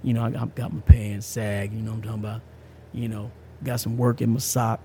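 Brisk and dark-toned, this podcast host in his fifties speaks on the low side with a level delivery. He shares a casual, slangy personal testimony with emphasis, frequently saying things more than once. A slight hiss or hum sits under the audio.

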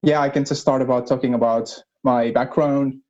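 A young man from northern Finland with a Finnish accent, a guest explaining his research at a measured pace. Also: medium pitch, steady tone, a little mellow, dull audio. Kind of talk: casual interview.

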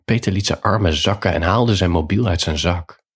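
Storyteller: man, very low voice with a husky edge, calm measured bedtime narration.

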